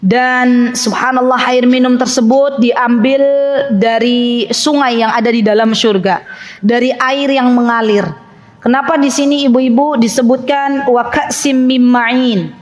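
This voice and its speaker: Woman religious teacher, slightly high voice, lively and playful with women listeners. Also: a little slow. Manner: lively, playful, acts out little scenes. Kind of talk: religious study talk to women. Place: study gathering with women.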